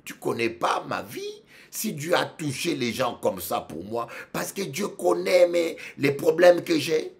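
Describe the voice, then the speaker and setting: A male pastor delivers a sermon with lively, swooping pitch. He talks at an unhurried, deliberate pace, repeating phrases, dropping to murmurs and then rising into shouts. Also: creaky. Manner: animated preaching, swings from low murmurs to shouts, repeats phrases.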